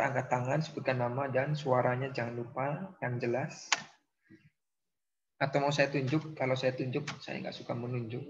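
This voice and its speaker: A university lecturer delivers an online math lecture, playfully teasing his students and cracking jokes in mock regional accents. His mid-range voice is a bit bright, and the sound is lo-fi.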